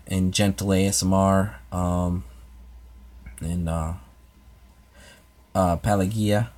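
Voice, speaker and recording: With a low, darkish voice, a US man chats loosely with viewers of his ASMR channel, responding to livestream comments. His talk rambles and hesitates, packed with fillers and restarts.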